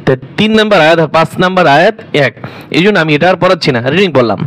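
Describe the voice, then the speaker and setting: A man teaching recitation letter by letter, naming each letter and vowel mark and then reciting the words slowly. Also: high-pitched, lively intonation, fairly bright tone. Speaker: Quran reading teacher.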